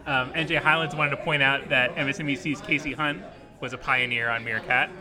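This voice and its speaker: A man's voice: medium pitch, fairly even intonation, brisk, music in the background. A man, a podcast producer, relaying audience comments in a matter-of-fact way. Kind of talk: reading out comments.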